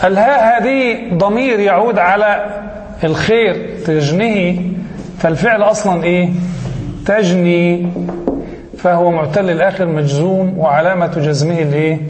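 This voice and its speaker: High-voiced sheikh teaching grammar in an echoey hall. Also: male voice, normal speed. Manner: asks questions and answers them himself. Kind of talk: classroom grammar lesson. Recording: echoey hall with faint hiss.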